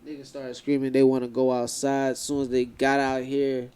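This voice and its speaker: A young man co-hosting a podcast, chatting casually in animated slang and talking over his co-host. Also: medium pitch, moderate pace, smooth. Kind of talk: casual chat.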